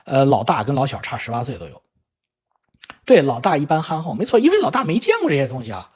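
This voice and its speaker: A man's voice: mid-range voice, wildly swooping pitch, fast, slightly rough. A middle-aged man hosting a casual livestream chat, telling family stories animatedly with swearing and laughs. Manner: acts out children's voices in quoted lines. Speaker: livestream host. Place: home in Vancouver.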